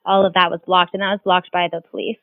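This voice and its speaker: A woman's voice: fairly low pitch, flat delivery, fast talker, no room sound. A woman climate activist giving casual, earnest interview answers, rambling a little with restarts. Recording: tinny phone-like line.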